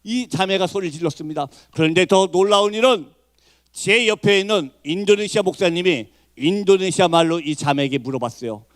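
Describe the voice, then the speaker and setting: A middle-aged male missionary preaches a sermon with a high-pitched voice. He moves from hushed, intimate passages to fervent shouts. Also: a little fast. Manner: impassioned, swings from hushed to shouting.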